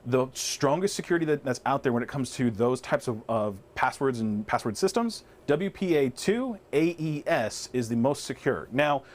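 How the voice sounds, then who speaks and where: Man, webinar co-host, casual tech explainer, step-by-step, mid pitch. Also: animated, normal speed, hardly any pauses. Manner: explains step by step, frequent restarts.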